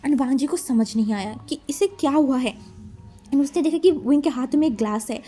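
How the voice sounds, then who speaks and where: High-voiced woman narrating casually. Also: expressive, normal speed, warm tone, faint music behind. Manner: chatty, mixing English words in. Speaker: storyteller. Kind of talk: casual fan-fiction storytelling.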